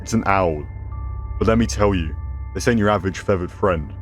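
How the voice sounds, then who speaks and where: A deep-voiced man reads scripted scary stories in the manner of a horror host. His delivery is theatrical and ominous, addressed to listeners as a storyteller. Music plays underneath his narration. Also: brisk.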